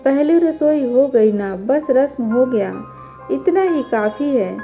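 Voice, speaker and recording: A woman's voice: high voice, animated, takes it slowly, warm tone, faint music behind, full character voice. A woman voicing a kindly middle-aged mother-in-law who coaxes and dotes on her new daughter-in-law in a storybook tale. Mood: affectionate. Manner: affectionate, coaxing.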